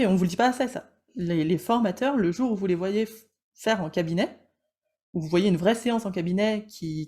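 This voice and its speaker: A woman coach hosting a casual live teaching session, joking with viewers, calling them by name, and talking in quick bursts full of restarts. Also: medium pitch, a little mellow.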